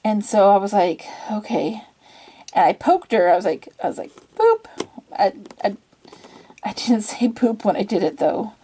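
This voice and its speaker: A woman's voice: mid-range voice, moderate pace, warm tone, slight background noise. A woman hosting a casual story time, rambling and giggling at herself as she goes. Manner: rambling, giggly and self-deprecating. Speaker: channel host.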